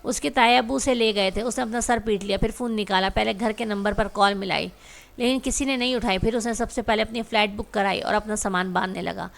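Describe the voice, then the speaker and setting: A woman narrating a romantic drama story aloud in a steady reading voice. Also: mid-range voice, vocal fry.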